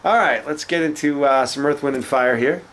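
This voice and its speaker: Here's a casual show-and-tell from a man whose voice sits a little high and moves at normal speed. Stuffed up and sniffling from a cold, he sounds slightly nasal as he chats about his record collection, relaxed and heavy on fillers.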